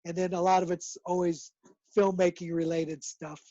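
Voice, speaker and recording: A man's voice: high-pitched, level tone, moderate pace, warm tone, no room sound, lo-fi sound. A man chatting casually as a guest, easygoing and rambling as he tells his stories. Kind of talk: casual video-call chat.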